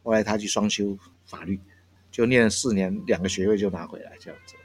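A man's voice: lowish voice, fast, slightly rough. Chuckling man in his sixties. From Taiwan. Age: 60s. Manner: chatty, chuckles often between phrases. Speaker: café owner, interviewee. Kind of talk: casual storytelling interview. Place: countryside coffee shop. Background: faint jazz from shop speakers.

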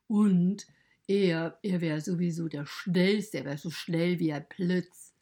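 Slow husky woman telling a kids' story. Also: lowish voice. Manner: lively, often drops to a hush. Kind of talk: children's story told as a pony.

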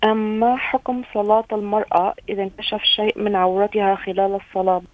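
Quick, flat-voiced woman over the phone. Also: medium pitch, no room sound. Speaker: caller. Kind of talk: call-in question. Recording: dry tinny phone line.

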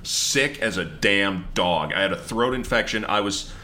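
A man with a fairly low, bright and forceful voice hosts a casual podcast. There is clear background noise as he chats and banters. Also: animated, measured pace. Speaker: podcast host.

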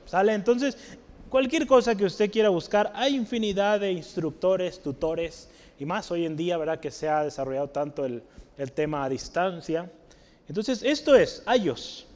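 A man teaching a Bible study, explaining word roots slowly and quizzing the congregation with tag questions. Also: high voice, a little mellow. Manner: asks the audience questions often, tag questions like "¿sale?". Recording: long hall reverb.

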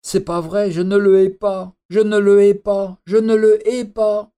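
A grieving grown daughter pleads through her sobs, voiced by a man reading a story aloud. The voice sits fairly high and moves slowly. The tone stays dark and mellow. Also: level tone, smooth. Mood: pleading. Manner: pleading, sobbing. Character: distraught grown daughter, a woman.

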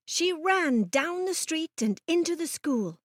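A woman narrating children's stories for an audiobook in an expressive, voice-shifting way, recorded close on a studio mic. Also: very high-pitched, takes it slowly, no room sound.

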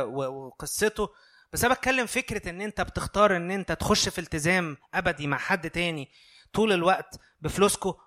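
An Egyptian preacher man with a high, bright voice. He talks earnestly and conversationally, often turning to his listeners, and his words come quickly. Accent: Egyptian Arabic. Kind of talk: sermon.

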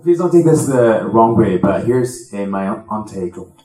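A man from Tunisia asking a question from the audience, hesitant with many pauses and ums. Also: fairly low pitch, expressive, warm tone, echoey room, rough recording.

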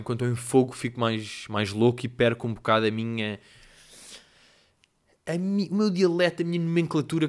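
A young man with a European Portuguese accent hosting a casual solo monologue, telling stories in a rambling, slangy, self-mocking way. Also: medium pitch. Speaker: podcast host.

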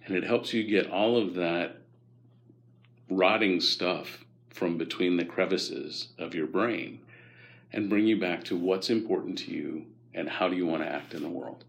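A man from the United States, a guest expert, calmly and gently explaining mindfulness practice in an interview. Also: sits low, measured pace, gravelly. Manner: calm, guiding, gently instructive.

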